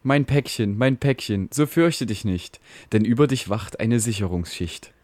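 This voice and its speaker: A man's voice: mid-range voice, expressive, a little slow, a little mellow, no echo, lightly acted. A man voicing a boastful, fatherly network router in a rhyming comic ballad, reciting in a soothing, self-important way.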